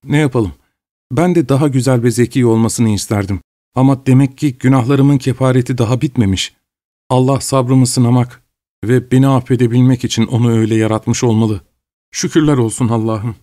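A man's voice: medium pitch, steady tone, a little fast, warm tone, lightly acted. Man voicing a tearful pious old mother. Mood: sorrowful. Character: older grieving mother, pious and sorrowful.

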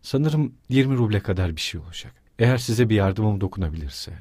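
A feverish young man, earnest one moment and dryly mocking the next, as a male reader voices him. The voice sits low and dark with a husky edge. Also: lively intonation, fairly quick, no room sound, studio quality. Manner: earnest, then sardonic.

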